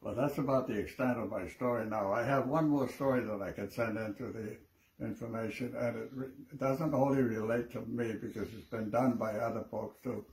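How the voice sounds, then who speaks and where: An elderly American man, an old veteran remembering his service in a plain, halting way. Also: medium pitch, fairly even intonation, a little mellow, low-quality recording. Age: 80s or older. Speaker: World War II veteran. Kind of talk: personal reminiscence.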